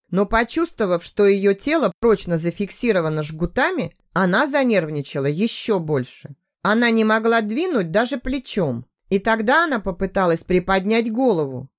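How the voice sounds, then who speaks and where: A woman narrating a dark audiobook in a steady, even storytelling voice. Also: medium pitch.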